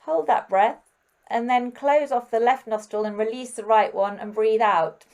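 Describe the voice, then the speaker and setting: A woman singing teacher giving gentle, encouraging step-by-step breathing and vocal warm-up instructions. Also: a little high, steady tone, moderate pace.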